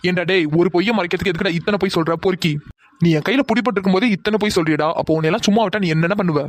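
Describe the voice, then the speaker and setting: A man's voice: sits high, rapid-fire, natural voice. A man voicing a stern, protective male college senior in a cartoon drama, angrily scolding a bully. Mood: furious. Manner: angry scolding, commanding.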